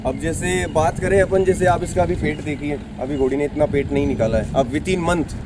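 A man's voice: on the high side, moderate pace, background noise. A man in his thirties with a Rajasthani Hindi accent, a stud farm owner earnestly explaining his horses outdoors, often saying "ठीक है". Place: sunny outdoor farm yard beside a horse.

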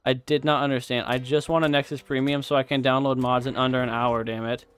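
A man's voice: mid-range voice, little pitch movement, fast talker, clean tone. A young man live-streaming a game, chatting casually with viewers, swearing and laughing as he plays. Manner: swears and laughs often, reacts loudly to gameplay.

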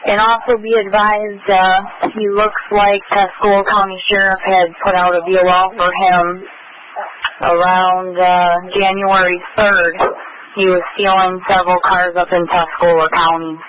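A man's voice: sits high, level tone, measured pace, pushed and bright. A man dispatching over police radio, giving clipped, formulaic procedural announcements and reading out details in code. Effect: police radio transmission. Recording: noisy police radio scanner audio.

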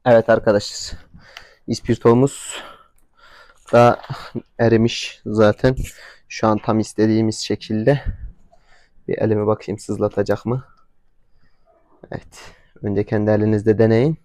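A man recording a casual vlog outdoors at a horse stable, explaining horse care in a slow, steady way. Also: lowish voice, dry recording. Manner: slow, coaxing and calling out to a horse, scolding it. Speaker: horse owner vlogger.

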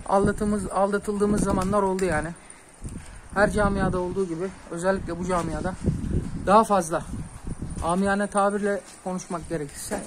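A man, a pigeon keeper, talking casually and earnestly to his viewers while filming outdoors on a rooftop with a phone. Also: high-pitched. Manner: earnest, advising, calls pigeons with soft hissing sounds. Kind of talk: casual vlog talk to viewers.

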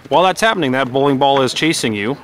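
Fast-talking man at a desert range. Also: mid-range voice. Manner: quick, animated explainer. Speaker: host. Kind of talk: casual range chat and stage walkthrough. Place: outdoor desert shooting range.

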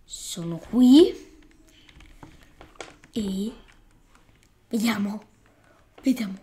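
A woman's voice: medium pitch, animated, very slow, mellow. A woman doing playful Let's Play commentary, exclaiming at the game and scolding the creatures in it. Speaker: gaming YouTuber.

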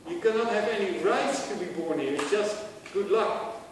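A man's voice: high-pitched, lively intonation, normal speed, slight background noise. A middle-aged man with a Dutch accent giving a university lecture, asking students rhetorical questions and often restarting his phrases. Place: large lecture hall. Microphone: far camera. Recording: echoey hall recorded from far off.

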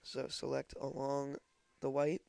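Congested young man with a gravelly voice. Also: medium pitch, completely flat delivery, a little slow, a little mellow, dry recording. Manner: hesitant, many ums and uhs. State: congested from a cold. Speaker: software tutorial maker. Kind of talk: screen-recorded tutorial.

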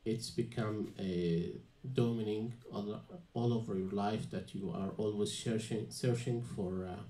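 This young Palestinian panel guest, a student from Gaza, speaks unhurriedly in a mellow, fairly low voice with fairly even intonation. Hesitant and prone to fillers and restarts, he relates his personal story in an echoey, dim little venue with an audience present.

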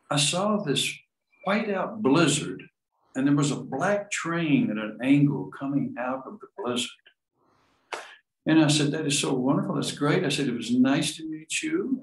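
A man's voice: fairly high pitch, creaky, echoey room, recorded from a distance, slight background noise, low-quality recording. A man who runs a gong chamber, telling a story at an easy pace, humble, and acting out the people he quotes. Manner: unhurried, humble, acts out the people in his story. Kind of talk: casual storytelling.

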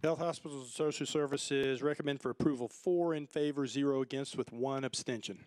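A man's voice: mid-range voice, a little fast, a little mellow, rough recording. A councilman reading out a committee's vote tally in a clipped way. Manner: clipped, reads vote counts. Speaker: committee chair giving report. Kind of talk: brief committee report.

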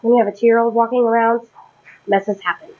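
A woman in her thirties vlogs from her home kitchen, chatting and rambling while she cooks and correcting herself as she goes. Her voice is fairly high, level and fairly quick. The recording cuts off the highs and carries heavy background noise.

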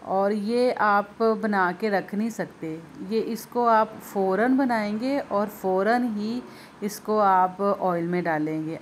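A home cooking video host with a fairly low voice shows viewers a recipe step by step in her home kitchen. She speaks patiently and repeats her instructions, with slight background noise.

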